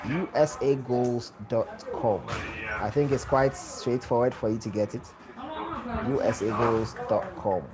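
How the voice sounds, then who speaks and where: This Ghanaian watch-along host speaks at an easy pace in a mid-range voice, though the audio quality is poor. During his live football stream he reads out viewer comments and says hello to people by name.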